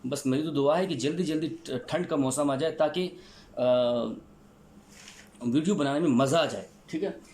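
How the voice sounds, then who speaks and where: A man's voice: on the high side, normal speed, a little mellow. A man with a Pakistani accent teaching a recorded vocabulary lesson, spelling words letter by letter and checking in with "theek hai" after each one. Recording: echoey room.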